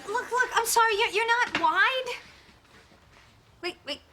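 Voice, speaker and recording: A woman's voice: extremely high pitch, unhurried, a crowd in the background, noisy background. An actress playing an upbeat young woman who talks in a playful, teasing way in a sitcom. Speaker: sitcom character. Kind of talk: sitcom acting.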